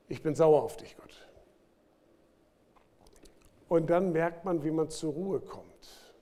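Animated German pastor preaching. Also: male voice, on the high side. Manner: lively preaching with sudden loud bursts and quiet drops. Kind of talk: sermon. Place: church.

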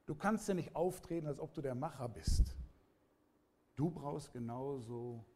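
Pastor preaching plainly to listeners. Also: male voice, fairly high pitch, a little slow, dark tone. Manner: plain, conversational preaching, addressing listeners directly. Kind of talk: sermon.

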